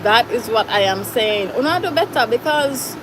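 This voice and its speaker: This Jamaican-accented livestream host goes through viewer comments in a chatty, expressive manner at a normal pace, sprinkling in Patois. Her voice is on the high side, and background noise can be heard.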